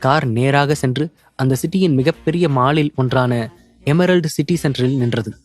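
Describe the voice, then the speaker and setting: A man reading an audio novel as narrator in a steady, measured storytelling manner. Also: mid-range voice.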